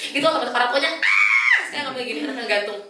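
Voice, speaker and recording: A young woman educator chats at a quick clip, her voice slightly high and full of laughter as she acts out scenes. She sounds a little far from the mic in a roomy, echoing space with a faint hiss behind her. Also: shouting. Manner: lively anecdotes, laughing often, acting out children. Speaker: guest speaker, children's educator. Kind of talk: casual talk show chat. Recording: echoey room, distant mic, faint noise.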